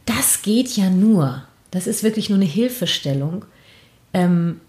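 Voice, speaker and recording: A woman's voice: medium pitch, lively intonation, a little slow, roomy sound. A woman coaching a young mother on nonviolent communication, often checking in with a short "ja?". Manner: warm encouraging coaching, many "ja?" checks. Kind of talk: advice conversation.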